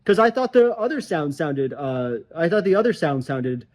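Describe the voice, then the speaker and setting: A man's voice: on the high side, big pitch swings, normal speed. A man in a played video clip, talking casually to camera in an exasperated, self-mocking way. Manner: exasperated, self-mocking, acts out imagined voices.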